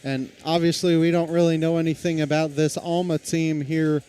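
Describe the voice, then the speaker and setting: A man announcing a high school basketball game play-by-play, talking in a casual, conversational way. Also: little pitch movement, normal speed, warm tone, clear, resonant tone. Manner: conversational, reads lineups, self-deprecating.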